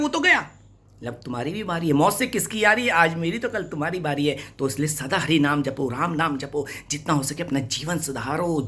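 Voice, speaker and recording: A man's voice: fairly high pitch, sharp tone. A man giving a devotional sermon, scolding and urging his listeners with rhetorical questions and repetition. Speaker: devotional preacher.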